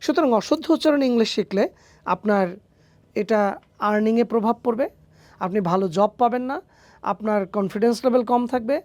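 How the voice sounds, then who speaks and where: A man's voice: high-pitched, normal speed, long pauses, darkish tone, no echo. A man, a phonetics teacher answering interview questions emphatically with rhetorical questions. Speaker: English phonetics teacher, guest.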